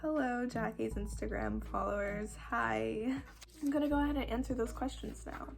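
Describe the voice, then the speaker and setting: A 21-year-old woman with a croaky voice, chatting casually to camera in a rambling, self-deprecating way with dramatic emphasis. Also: a little high, fairly even intonation, normal speed, faint music behind. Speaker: video creator answering follower questions.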